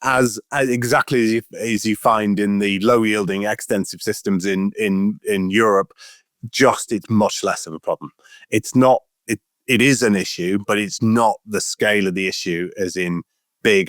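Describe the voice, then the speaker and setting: Middle-aged man from Wales, low-pitched, earnest podcast guest who repeats words mid-thought, dry close sound. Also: fairly even intonation, normal speed, fairly bright tone, dry recording. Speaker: guest, veterinary professor. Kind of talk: casual podcast interview.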